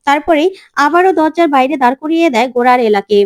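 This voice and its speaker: A woman's voice: high-pitched, fast, dry recording, studio quality. A woman retelling a TV serial episode in a plain storytelling voice.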